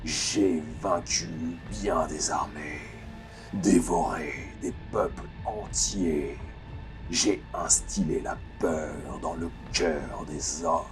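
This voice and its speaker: A man voicing an ancient, tyrannical godlike guardian of an underground city in a tabletop game, deep, cavernous, menacing and grandiloquent. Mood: imperious, threatening. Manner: slow, menacing, imperious, grandiloquent. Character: ancient vast tyrannical underworld guardian, self-proclaimed mountain emperor. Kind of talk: deep echoing underworld god, dramatic monologue. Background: music.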